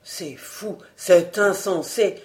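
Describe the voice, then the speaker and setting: A woman's voice: medium pitch, takes it slowly, a little mellow, close to an everyday voice. Woman reading as a groggy police inspector. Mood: dazed. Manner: thick, slurred speech of a man just woken. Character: dazed burly male police inspector, courageous and honest.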